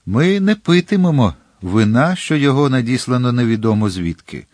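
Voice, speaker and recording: A man's voice: medium pitch, sing-song, moderate pace, darkish tone, no room sound, studio quality, voice pushed up. A man reading a stern, grave musketeer. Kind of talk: audiobook character reading.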